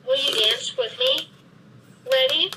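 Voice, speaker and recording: A synthetic female voice playing a friendly, cheerful boy robot that talks to children in slow, simple, deliberate sentences. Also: high-pitched, pushed and bright, a little hiss or hum, full character voice, low-quality recording. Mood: playful. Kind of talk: programmed robot speech for children. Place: meeting room, played from a robot.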